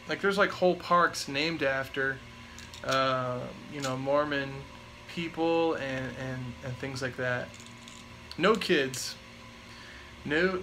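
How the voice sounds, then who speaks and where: A man's voice: a little high, a little hiss or hum, poor audio. A man in his twenties, chatting casually and rambling through live viewer questions with lots of fillers. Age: 20s. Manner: rambling, filler-heavy, relaxed. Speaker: vlogger answering live chat.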